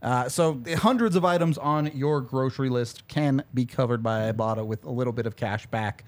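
A man hosting a podcast, reading sponsor spots in a casual, ad-libbed, conversational way with a jokey sales pitch. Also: brisk.

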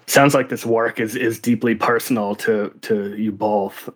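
A man hosting an interview, asking questions in a calm, even way. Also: on the low side, a little slow, husky.

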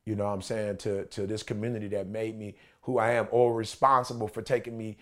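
This American man in his forties speaks fairly quickly with a flat delivery, his voice fairly low yet a bit bright. Animated personal storytelling fills the casual podcast chat, and his style is that of a preacher and motivational speaker. He's emphatic, slangy and repetitive, with frequent checks that you're keeping up.

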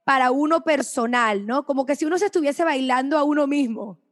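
A woman's voice: sits high, a little fast. A woman hosting a podcast interview, asking questions with enthusiastic curiosity. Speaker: podcast host. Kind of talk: conversational interview.

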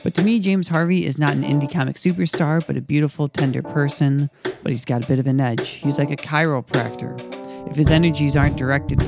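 Gravelly, wry male podcast host. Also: on the high side, a little fast, music in the background. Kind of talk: scripted narration and casual chat.

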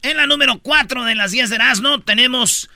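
A man's voice: very high voice, a little fast, gravelly, pushed and bright, no echo, clean studio sound. A man with a Mexican accent hosts a radio comedy show, delivering a boisterous, slangy run of jokey news. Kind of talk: comic news rundown.

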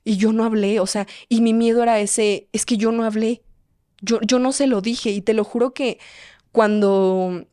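A young woman tells a personal story on a podcast. She talks quickly and haltingly, restarting sentences and saying "o sea" again and again. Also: on the high side, fairly even intonation, dark tone, dry recording, clean studio sound. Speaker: podcast host.

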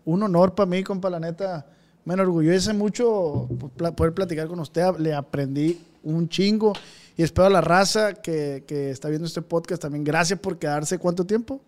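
Male podcast host with a high voice, Sinaloan Mexican accent, informal street slang, relaxed conversational delivery. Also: moderate pace. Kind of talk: casual chat.

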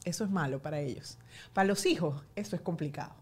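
A woman in her forties, a journalist guest, talking candidly and lively about her children, mocking herself and acting out what her family says. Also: deep voice, quick pace, husky. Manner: animated, self-mocking, quotes family in acted asides. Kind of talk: candid conversational interview. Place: home pantry.

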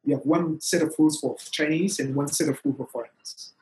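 A man from Togo, speaking conversationally as an interview guest, with halting, restarted phrasing. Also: on the high side, fairly even intonation, a little mellow, low-quality recording.

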